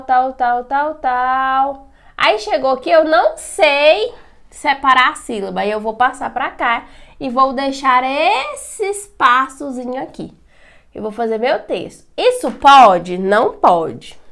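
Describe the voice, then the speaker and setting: Brazilian woman teacher, animated, high voice, asks and answers her own questions, whiteboard lesson. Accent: Brazilian Portuguese. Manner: asks students questions and answers them herself. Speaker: writing teacher.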